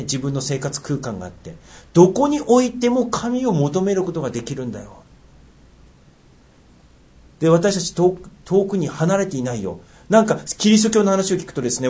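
A middle-aged man with a Tohoku accent preaching a sermon, earnest, asking rhetorical questions and dropping into soft asides. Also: on the high side, breathy edge. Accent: Tohoku dialect. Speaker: pastor.

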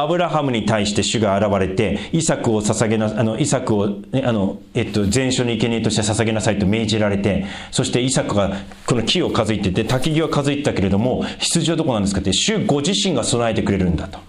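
Guy preaching a sermon, pitch jumps all over, chatty with the crowd, roomy echo. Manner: lively, conversational, speaks directly to the congregation. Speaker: pastor. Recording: echoey room.

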